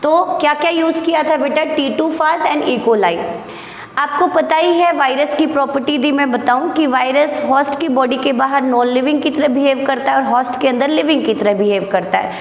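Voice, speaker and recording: A woman biology teacher with an Indian accent giving a classroom lecture. She moves between quick Hindi explanations and slow, deliberate English dictation, and she asks her students questions and answers them herself. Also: high voice. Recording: echoey room, faint noise.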